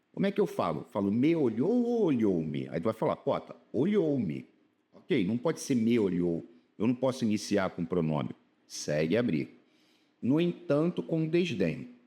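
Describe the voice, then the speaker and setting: A man's voice: mid-range voice, warm tone. A man with a Brazilian Portuguese accent giving a casual exam-prep grammar lesson, speaking to viewers in a slangy, direct way.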